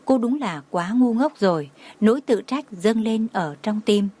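A woman narrating a romance novel as an audiobook, in a steady, even reading tone. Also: a little high, a little slow.

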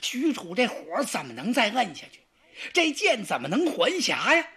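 Dramatic storyteller, wildly animated pitch. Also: normal speed, husky. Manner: dramatic, lively, sound effects. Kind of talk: traditional storytelling. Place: radio studio.

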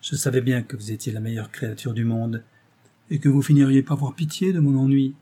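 A man's voice: mid-range voice, fairly even intonation, fairly quick, warm tone, close to an everyday voice. A man reading a cheerful naive young man. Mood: eager. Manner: eager and guileless. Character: good-natured naive young man, cheerful and easily moved.

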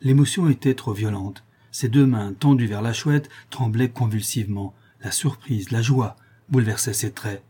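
A man narrating a classic novel as an audiobook in a measured, dramatic way. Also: medium pitch, warm tone, breathy edge. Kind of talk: scripted narration.

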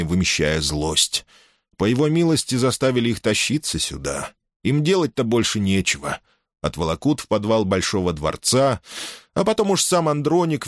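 Guy narrating an audiobook, lively pitch, mid voice, super dry close sound. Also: dry recording. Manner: measured storytelling, expressive pitch. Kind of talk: scripted narration.

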